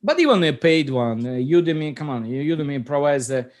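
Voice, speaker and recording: Brisk and lively in intonation, this slightly high, darkish male voice belongs to a middle-aged Russian-accented man hosting an easygoing video chat about the app he founded. Words don't always come easily, and he often pauses to find them.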